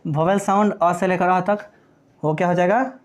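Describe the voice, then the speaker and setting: A man with a high voice keeps a steady tone and moderate pace while lecturing on English grammar in Hindi, classroom style. Letter by letter he spells out words, and he answers the questions he asks.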